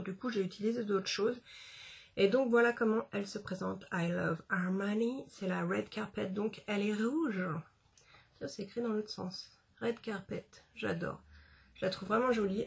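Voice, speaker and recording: A woman's voice: mid-range voice, gravelly, breathy edge. A woman chatting casually about a makeup haul, with many fillers and restarts. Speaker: beauty vlogger.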